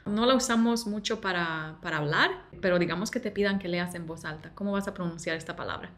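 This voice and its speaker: A woman teaching pronunciation, repeating each word slowly and carefully as a language teacher. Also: fairly low pitch, fairly bright tone. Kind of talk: pronunciation lesson.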